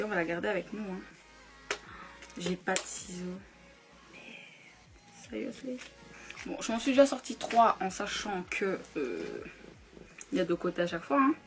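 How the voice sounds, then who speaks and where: A young woman talks her way through a makeup tutorial at her table at home, casual and chatty. She keeps her voice low so she won't disturb anyone, at a medium pitch. Faint music plays underneath. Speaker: beauty YouTuber.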